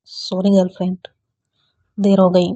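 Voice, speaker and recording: A woman's voice: fairly low pitch, completely flat delivery, measured pace, mellow, dull audio. A woman voicing a pouty young college woman who pleads and sulks in a storybook reading. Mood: pleading sulky. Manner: pleading, sulky.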